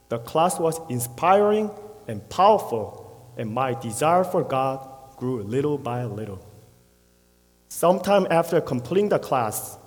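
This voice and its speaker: A man in his thirties from South Korea, speaking with a Korean accent, giving an earnest, prepared personal testimony at church with brief pauses. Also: a little high. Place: church sanctuary. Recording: long church hall reverb.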